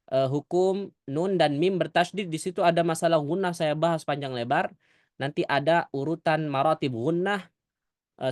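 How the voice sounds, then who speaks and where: A man teaching Quran recitation rules, modelling verses slowly and correcting his students. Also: a little high, no echo, clean studio sound. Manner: corrective, demonstrates recitation slowly then explains quickly. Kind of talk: recitation lesson.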